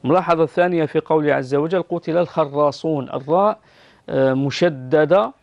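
A man's voice: on the high side, a little fast, vocal fry, highs cut off. A man with an Algerian accent teaches Quran recitation, patiently explaining rules and modelling pronunciation for callers. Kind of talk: correcting recitation on a call-in show.

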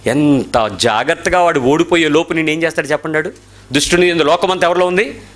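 Speaking fast with a Telugu accent, a man preaches a sermon, firing off rhetorical questions and swinging between loud outbursts and quiet asides.

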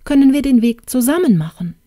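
A woman voicing a kind, courteous young gentleman traveller who speaks calmly and helpfully. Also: high voice, brisk, no echo, clean studio sound, voice pushed up.

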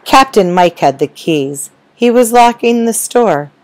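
A woman reading a rhyming children's story aloud in a gentle, rhythmic storytelling manner. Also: fairly high pitch, expressive, unhurried, dry recording, low-quality recording.

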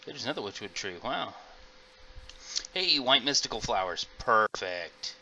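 A man's voice: medium pitch, expressive, a little slow, bright, forceful tone. A middle-aged man casually commenting on his game as he plays, rambling and chatting to his viewers. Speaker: gaming video host. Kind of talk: casual let's-play commentary. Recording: noisy home mic recording.

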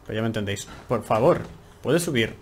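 A man's voice: lowish voice, animated, fairly quick, a little hiss or hum. Chatty man with a Spain Spanish accent. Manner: chatty, exclaiming, talks to himself while playing. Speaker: gameplay streamer. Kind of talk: casual let's-play commentary.

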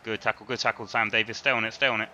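A man livestreaming a football video game, giving chatty, excited live commentary and reacting loudly to the play. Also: lowish voice, very fast. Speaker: gaming livestreamer. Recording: slightly dull stream audio with game music. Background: game music.

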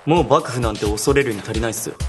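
An actor playing a brash young guitarist. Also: male voice, medium pitch, quick pace, over loud music, close to an everyday voice. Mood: cocky. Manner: brash, slangy. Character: cocky young male rock guitarist. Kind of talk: TV comedy sketch acting.

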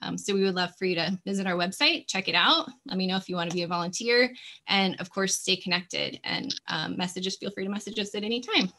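A woman's voice: mid-range voice, quick pace, sharp tone. A woman in her thirties giving a friendly, encouraging webinar presentation on a video call, with frequent ums. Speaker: nature volunteer coordinator.

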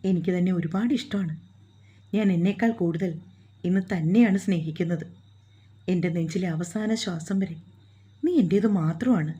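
A woman's voice: lowish voice, moderate pace, pauses often, dark tone, husky. A woman voicing a possessive young man who is in love, speaking in an earnest, coaxing way. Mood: earnest, tender. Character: possessive, smitten young man, wealthy suitor.

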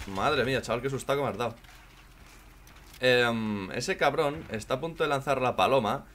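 A man from with a hoarse voice, commenting on his own gameplay in casual chat, joking and swearing a lot. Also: mid-range voice, moderate pace, slight background noise. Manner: swears a lot and jokes, shouts when in danger.

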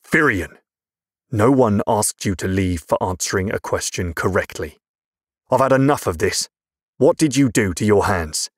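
A stern, worn-out father speaks in a very low, clipped voice, his words pushed through gritted teeth, as a male audiobook narrator puts him on. The recording is dry and close, with no room sound. He sounds tired but strict. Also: normal speed, husky, dry recording. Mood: angry. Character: stern tired middle-aged father, glassmaker.

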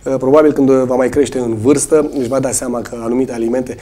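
A swimming coach, hoarse a cold, answering in a studio interview with many hesitations. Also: male voice, mid-range voice, fairly even intonation, warm tone.

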